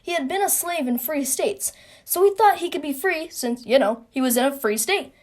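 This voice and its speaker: A woman's voice: high-pitched, expressive, moderate pace, a little mellow. A young woman narrating a sarcastic comic history explainer, recorded on a phone. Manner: sarcastic, playful. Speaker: video creator.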